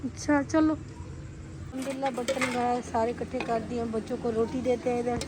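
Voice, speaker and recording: High-voiced woman vlogger, comforting. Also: level tone, moderate pace, background noise. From Pakistan. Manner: talkative, comforting and directing others. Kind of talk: casual family chat.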